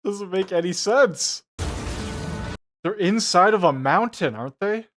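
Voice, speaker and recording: A man's voice: high voice, lively intonation, measured pace, fairly bright tone, faint music behind. A man giving a casual, mocking reaction commentary, profane and incredulous in his delivery. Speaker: reaction show host.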